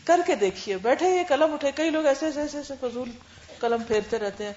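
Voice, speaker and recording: A woman's voice: high voice, animated, darkish tone, a little hiss or hum. Brief: woman Quran teacher, explanatory lecture tone, roomy lo-fi recording. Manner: explanatory, mixes English words into Urdu. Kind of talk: classroom Q&A lecture. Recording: roomy, dull lo-fi classroom recording.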